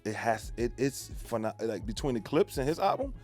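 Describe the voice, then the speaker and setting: A man's voice: mid-range voice, sing-song, brisk, a little mellow, soft background music. A man with a Midwestern accent hosting a casual interview, affirming and conversational, often agreeing along. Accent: Midwestern American.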